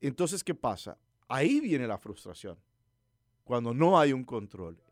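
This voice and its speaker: A man's voice: mid-range voice, unhurried, no room sound, clean studio sound. A man preaching a conversational sermon, telling stories and putting questions to his listeners. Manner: animated storytelling preacher, asks listeners questions.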